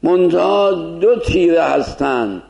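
Gravelly man lecturing a class. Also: on the high side, animated, a little mellow, highs cut off. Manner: conversational, explaining with rhetorical questions.

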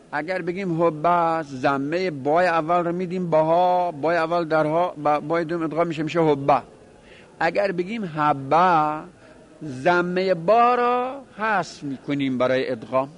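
A man with a somewhat high voice leads a grammar lecture. He works through each point patiently, saying word forms over and over as he explains. His tone stays conversational, turning to the class now and then. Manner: explains step by step, repeating forms aloud; conversational, addresses the class directly. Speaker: teacher.

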